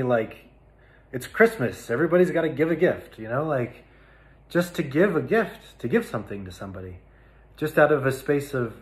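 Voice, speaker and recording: A man giving a reflective talk as a tea teacher, speaking slowly and thoughtfully, with pauses and fillers. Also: medium pitch.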